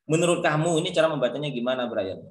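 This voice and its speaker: A man's voice: on the high side, animated, fast talker, roomy sound. A male lecturer teaching English pronunciation in an online class, calling on students by name and encouraging them. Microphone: video call.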